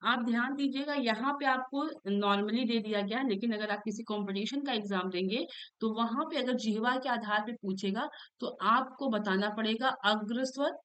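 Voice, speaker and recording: A woman's voice: a little high, moderate pace, fairly bright tone, smooth, low-quality recording. A woman teacher going through exam questions in a lesson, explaining each answer patiently and often checking in with her listeners.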